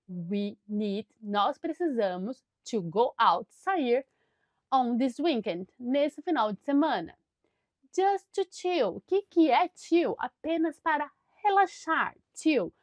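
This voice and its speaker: A woman with a Brazilian Portuguese accent giving a conversational English lesson. She explains chattily and repeats English phrases slowly and deliberately. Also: fairly high pitch, no room sound. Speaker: English teacher.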